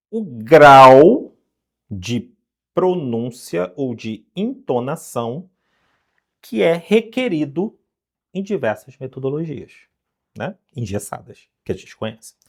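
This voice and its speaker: A man from Brazil teaching an online English lesson, animated and coaxing, full of rhetorical questions. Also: medium pitch.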